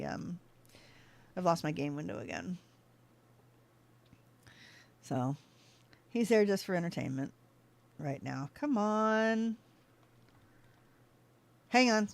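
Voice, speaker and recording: A woman whose voice runs lowish, with vocal fry, streams a game while casually talking to her audience. She laughs a lot and gets pulled off track easily.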